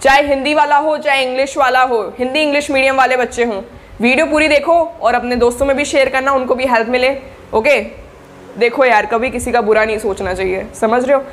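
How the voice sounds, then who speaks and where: A woman's voice: high-pitched, fairly even intonation, a little fast. A young woman coaching students in a casual, chatty way, encouraging them and often checking that they follow. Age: young adult. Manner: chatty and encouraging, with frequent check-ins to the listener. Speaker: study-tips YouTuber for board exam students. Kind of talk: casual spoken study coaching to camera.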